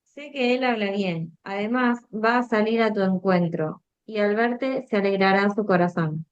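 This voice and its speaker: Woman reading scripture from afar, smooth. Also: mid-range voice, normal speed, highs cut off. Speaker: scripture reader.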